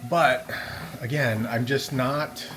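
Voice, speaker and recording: A vlogger with a medium-pitched voice talks slowly, casually and a bit hesitantly in a rambling vlog while walking on a treadmill. Steady treadmill noise and room sound run in the background.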